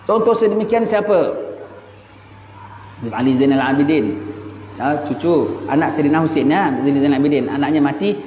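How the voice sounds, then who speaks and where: A man giving a sermon, telling stories lively and acting out the voices of the people in them. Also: on the high side, moderate pace, pauses often. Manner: lively storytelling, acts out dialogue in shifted voices. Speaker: religious teacher. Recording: echoey hall, dull lo-fi sound with faint hiss.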